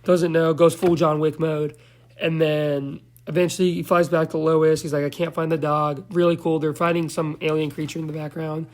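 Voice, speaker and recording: A man's voice: on the high side, little pitch movement, moderate pace. A man giving a loose, slangy, profane recap of a movie, now and then losing track of names. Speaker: movie reviewer.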